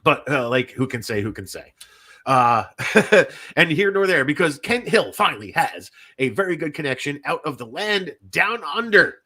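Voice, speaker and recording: A man hosts a podcast in casual chat, rambling, repeating himself and swearing frequently. His voice is on the high side and sing-song, with a sharp tone at a moderate pace.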